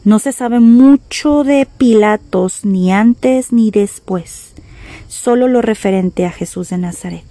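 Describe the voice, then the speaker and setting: A woman's voice: mid-range voice, slow, warm tone, no room sound. A woman preacher delivering a sermon, with dramatic emphasis and rhetorical questions to her listeners.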